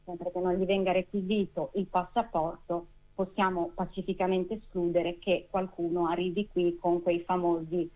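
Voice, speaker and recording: A woman lawyer, a guest on a radio interview, talking over a tinny phone line in measured, precise legal phrasing. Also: fairly low pitch, flat delivery. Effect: speaking over a phone line.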